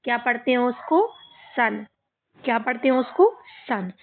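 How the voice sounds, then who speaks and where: A woman's voice: on the high side, animated, fairly quick. A woman teacher giving a reading lesson to children, who patiently repeats each word and keeps asking the kids questions. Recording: tinny phone-like sound.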